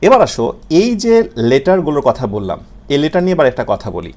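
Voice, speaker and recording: A man with a Bengali accent teaching English letters and pronunciation in a video lesson, repeating sounds slowly and asking and answering his own questions. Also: a little high, huge pitch swings, a little mellow.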